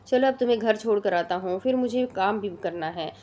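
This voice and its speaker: A woman's voice: medium pitch, natural voice. A woman reading the part of a hot-tempered young man who speaks sternly and in clipped lines. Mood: gruff. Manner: stern and clipped, softening when she cries.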